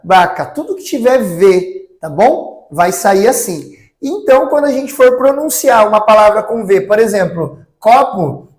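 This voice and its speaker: Slow, patient man teaching in an echoey room. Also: high-pitched. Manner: patient, repeats each example word slowly, tags lines with "tá?". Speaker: Spanish teacher. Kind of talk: recorded online language lesson. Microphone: close mic he speaks into for examples.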